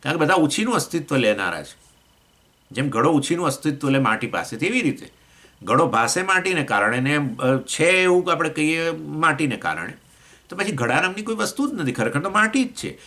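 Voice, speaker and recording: Gujarati-accented male swami teaching scripture; bright, questioning, lively teacher. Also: fairly quick. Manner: explains with questions to listeners, acts out voices of elements; pitch swings between raised points and low asides. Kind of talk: scripture class lecture.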